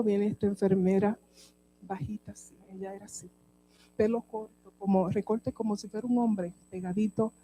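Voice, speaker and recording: A woman's voice: medium pitch, dark tone, a little hiss or hum, poor audio. A woman preacher telling a personal testimony in a sermon, speaking with emotion and addressing the congregation directly.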